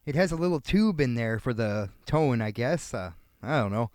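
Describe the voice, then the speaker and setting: A relaxed man from Canada talks viewers through a microphone test in a casual, thinking-aloud way. He speaks close into a studio dynamic mic, and the sound is dry with almost no room on it. His pitch sits in a middle range for a man. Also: normal speed, no echo. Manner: chatty, laid-back, thinks aloud with fillers. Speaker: video creator testing microphones. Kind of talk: casual gear review talking to viewers. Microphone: switching between studio dynamic microphones.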